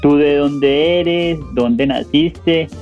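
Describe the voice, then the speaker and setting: Speaking extremely slowly in a darkish, rather high voice, a Colombian man hosts a podcast with faint music in the background. His casual interview chat is informal and full of friendly questions, captured in a dull, dry, lo-fi recording.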